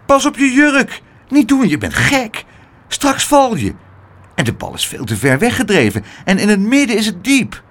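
A man doing an excited little boy. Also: sits high, brisk, few pauses, husky, voice pushed up, exaggerated voice. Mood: shouting. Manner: lively, shouting in alarm.

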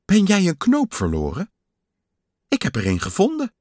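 A man's voice: huge pitch swings, a little mellow, no echo, clean studio sound, exaggerated voice. Man doing a tiny chirpy sparrow. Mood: curious. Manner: very high, quick questioning. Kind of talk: storybook voice acting.

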